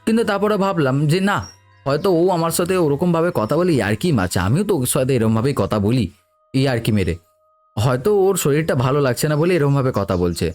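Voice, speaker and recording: A man's voice: mid-range voice, very animated, fast, darkish tone, faint music behind. Man telling a ghost story casually. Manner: casual, conversational retelling. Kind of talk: first-person ghost story narration.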